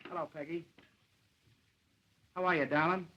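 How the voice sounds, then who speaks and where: Brash wisecracking reporter; very bright tone, old soundtrack hiss. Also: male voice, a little high, fairly even intonation, moderate pace, highs cut off. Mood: pleading.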